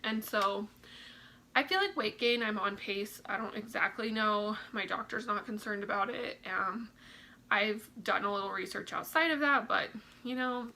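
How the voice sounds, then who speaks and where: A woman's voice: medium pitch, moderate pace, pushed and bright, rough recording. A young woman chatting casually in a vlog, a little out of breath, with lots of "like" and "um" fillers. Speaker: vlogger. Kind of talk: casual pregnancy update vlog.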